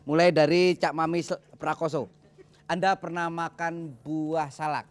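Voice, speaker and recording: A man's voice: on the high side, level tone, unhurried. A man co-hosting a comedy quiz, opening a round with formal announcer phrasing. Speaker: quiz co-host.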